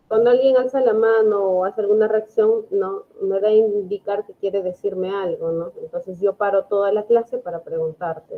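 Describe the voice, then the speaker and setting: A woman's voice: mid-range voice, a little hiss or hum. Patient woman teaching over a tinny call. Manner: patient, explanatory, asks "¿no?" often. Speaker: English teacher. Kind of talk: online class explanation. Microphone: video call. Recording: phone-like online call audio.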